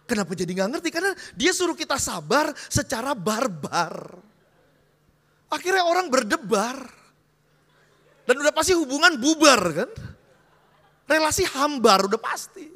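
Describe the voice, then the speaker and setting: A man preaching a sermon in a lively way, full of wordplay and acted-out examples, recorded in an echoey church hall. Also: very high voice.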